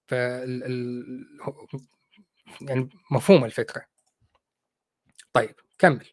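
A man's voice: mid-range voice, flat delivery, slow pace, no room sound, studio quality. A man with an Iraqi accent hosting a livestream, rebutting clips in a sarcastic, mocking way. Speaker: host. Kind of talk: livestream commentary.

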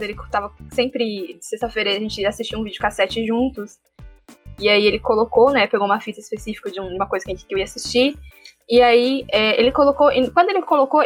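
A woman with a Brazilian Portuguese accent, telling viewers a personal story in a casual, animated way and acting out what others said. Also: fairly high pitch. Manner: animated, often acts out quoted voices. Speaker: vlogger.

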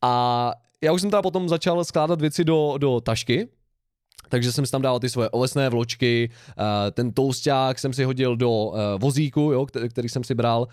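A man's voice: mid-range voice, a little mellow, clear, resonant tone, no echo, clean studio sound. A young man co-hosting a podcast, telling a rambling, laughing anecdote in casual chat. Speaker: podcast co-host.

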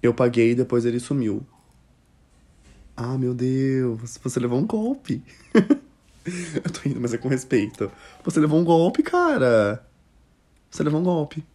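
A Brazilian-accented man hosts a casual chat, reading listener stories aloud. His manner is gossipy and animated, with frequent laughs and loud exclamations. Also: mid-range voice. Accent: Brazilian Portuguese. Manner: gossipy and expressive, laughs often, exclaims loudly.

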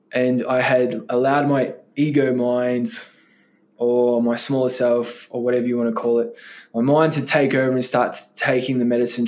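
Male interview guest, casual storyteller, meandering delivery with constant fillers, mid-pitched voice. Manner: loose and rambling, many "like" and "um" fillers.

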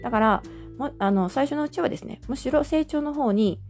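A woman's voice: sits high, fairly quick, a little mellow, soft background music. A woman from Japan teaching a language lesson, explaining patiently step by step with many fillers.

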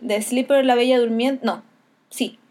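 A woman's voice: on the high side, steady tone, a little slow, darkish tone. A woman with a Chilean accent talking casually and enthusiastically, rambling a little as she recommends books. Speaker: book vlogger.

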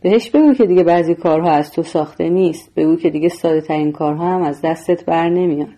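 A woman's voice: lowish voice, dark tone. A woman voicing a menacing, coldly sarcastic male gangster boss in a story reading. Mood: taunting.

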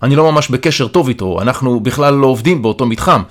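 A man narrating an audiobook in the first person with a calm, steady storytelling manner. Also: medium pitch. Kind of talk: first-person dramatic reading.

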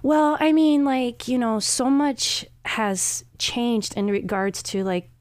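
A middle-aged woman chatting casually as a show guest, halting often and padding her talk with asides. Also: fairly high pitch, animated, a little mellow, dry recording, studio quality. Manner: halting, with frequent 'you know' asides. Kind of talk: casual conversational chat.

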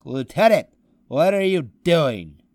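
A man's voice: on the high side, very animated, background noise, full character voice. A man voicing a smug villain doctor. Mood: menacing. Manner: smug, menacing, measured. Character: scheming male space villain doctor.

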